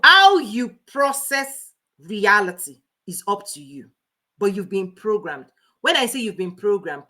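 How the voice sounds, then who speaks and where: A woman hosting a motivational livestream as a life coach, talking fast and emphatically, repeating key points and greeting viewers by name. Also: medium pitch, bright, forceful tone. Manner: speaking fast.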